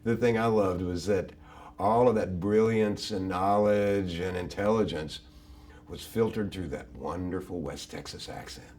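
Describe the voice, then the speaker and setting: A man's voice: low voice, a little slow, a little mellow, slight background noise. A man reminiscing in an interview.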